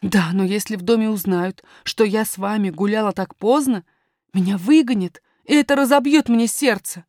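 A woman's voice: mid-range voice, moderate pace, a little mellow, no echo, lightly acted. Woman as a storybook nursemaid, fussy, scolding, complaining, dry close voice. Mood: fretful. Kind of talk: audiobook character voice.

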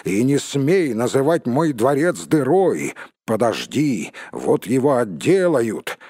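Man putting on a proud dwarf king, loud and jovial, husky, dry close sound. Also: medium pitch, sing-song, slow pace, no room sound, heavily acted.

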